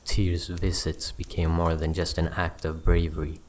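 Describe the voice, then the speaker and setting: A man playing a proud, brooding giant wolf of Norse myth, telling his own story in solemn, measured narration. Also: low voice, completely flat delivery, a little mellow, slight background noise, close to an everyday voice. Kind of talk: first-person scripted mythic narration. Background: background music.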